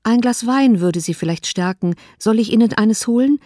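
A woman reading an audiobook, voicing a formal young gentleman who speaks with tender, earnest concern. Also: fairly high pitch, lively intonation, normal speed, dry recording, studio quality, pitched above the performer's own voice. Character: solemn, compassionate young gentleman, Mr Darcy.

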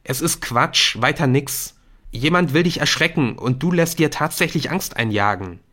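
A man's voice: a little high, animated, moderate pace, bright, forceful tone, pitched above the performer's own voice. A man reading an audiobook, voicing a defensive teenage schoolboy who brushes off his friend's worries. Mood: dismissive. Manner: dismissive, brushing things off. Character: defensive teenage schoolboy hooked on a secret game. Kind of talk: audiobook character voice.

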